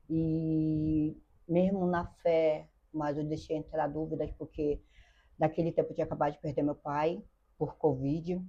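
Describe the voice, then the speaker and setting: Speaking in a low, dark-toned voice, an older Brazilian Portuguese–accented woman is a guest sharing a personal story with earnest feeling. She repeats phrases and calls the host by name, captured in dull, lo-fi sound.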